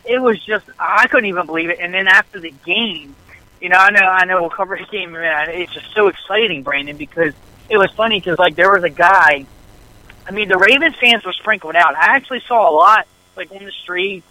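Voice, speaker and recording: A man excitedly telling a rambling story about a football game, co-hosting a casual sports chat. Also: high-pitched, fairly quick, no echo, poor audio. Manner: animated storyteller, rambling with restarts. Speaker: podcast co-host.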